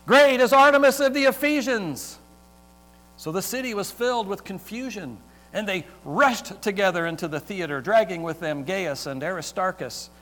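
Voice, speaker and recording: A man preaching a sermon, reading scripture aloud and explaining it with lively sports comparisons. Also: a little high. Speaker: pastor. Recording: reverberant hall with faint mains hum.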